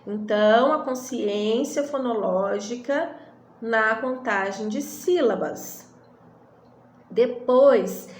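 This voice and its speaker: A woman's voice: fairly high pitch, roomy sound. A Brazilian woman lecturing teachers, reflective and full of rhetorical questions. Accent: Brazilian Portuguese.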